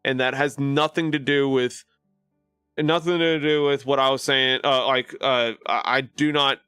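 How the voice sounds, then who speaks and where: Bright-voiced rambling male streamer. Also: medium pitch, clear, resonant tone, dry recording, studio quality. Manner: rambling and warm-hearted, lots of fillers and restarts. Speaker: live streamer. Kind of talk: casual chat with viewers.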